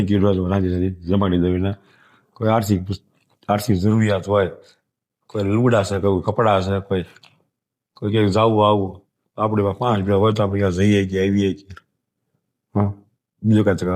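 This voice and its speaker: An older man, talking in an emotional interview, soft and halting, often trailing off quietly. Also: fairly low pitch. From Gujarat, India. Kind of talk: emotional interview, plain talk.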